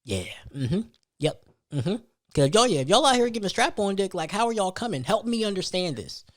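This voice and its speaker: A high male voice with big pitch swings races briskly through a personal story on his podcast. It's a casual rant, slangy and emphatic, packed with repeated phrases and rhetorical questions.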